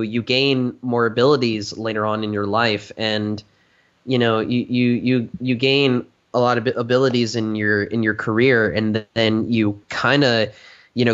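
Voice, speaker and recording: A man's voice: medium pitch, fairly bright tone. Guy rambling in an interview, average voice, lots of ums and likes, lo-fi sound. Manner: rambling, many fillers and restarts. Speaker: guest, fan filmmaker and voice actor. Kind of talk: casual interview chat.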